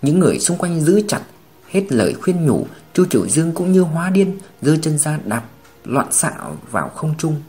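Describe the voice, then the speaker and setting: A man's voice: on the high side, normal speed. A man narrating a crime novel as a dramatic audiobook reading. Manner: expressive, dramatic.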